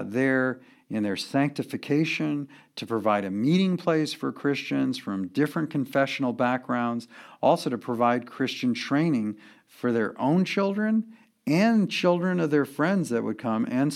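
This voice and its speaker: A man's voice: mid-range voice, creaky. A man giving an earnest church history lecture, working through his points with emphasis.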